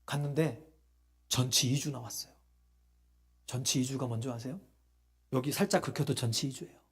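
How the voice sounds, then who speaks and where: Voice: medium pitch, normal speed, breathy edge. A pastor delivering a sermon emphatically, asking the congregation rhetorical questions and calling out hallelujah. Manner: frequent calls of hallelujah and direct address to listeners.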